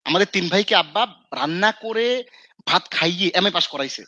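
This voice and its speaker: A man's voice: high voice, animated, moderate pace, bright, forceful tone, dry recording. A man from Bangladesh, mentoring students in casual talk, who acts out his scolding and mixes in English phrases. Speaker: Islamic scholar and mentor.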